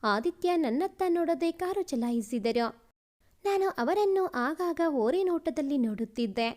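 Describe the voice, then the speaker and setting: A woman with a high, light voice narrates a heartfelt family story in the first person. Her reading is gentle and measured, and she softens into quieter voices for the dialogue. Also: expressive.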